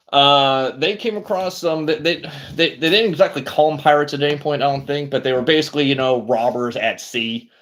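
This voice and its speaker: Male streamer, mid-pitched, loose and rambling, lots of fillers, casual chat. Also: a bit bright. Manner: rambling, conversational, many fillers and restarts. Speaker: book review streamer.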